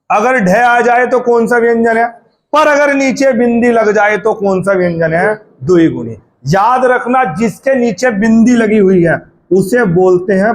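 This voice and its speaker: Male Hindi tutor with a high voice, talks to the student informally, asks and answers his own questions. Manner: drawls words out slowly to spell out sounds. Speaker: Hindi teacher. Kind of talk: classroom-style video lesson.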